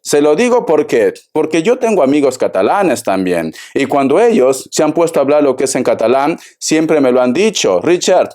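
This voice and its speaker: A man's voice: fairly high pitch, very animated, normal speed, hardly any pauses, a little mellow. A man reads tarot cards in a loose, chatty monologue. He is theatrical and familiar, throwing in pet names like darling and bison at nearly every turn. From Peru. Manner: chatty, keeps calling the listener darling and bison; theatrical, acts out imagined clients. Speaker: tarot reader. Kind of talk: casual tarot reading monologue.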